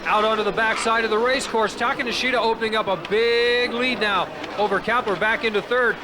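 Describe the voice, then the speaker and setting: A man's voice: sits high, fairly even intonation, fairly quick. A man working as color commentator on a race broadcast, offering reflective and admiring analysis between the calls, heard from a hissy worn tape copy.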